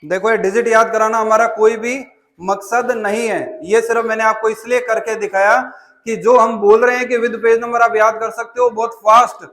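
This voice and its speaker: A man's voice: sits high, steady tone, moderate pace, fairly bright tone. A man giving a memory-training demonstration to a class of students, speaking to them directly and calling them child. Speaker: memory trainer presenting a school seminar. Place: school hall with students. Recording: echoey hall.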